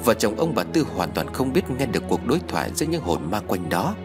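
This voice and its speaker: A man narrating a ghost story in an expressive, scripted storytelling style. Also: fairly low pitch, brisk, over music. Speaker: audiobook narrator.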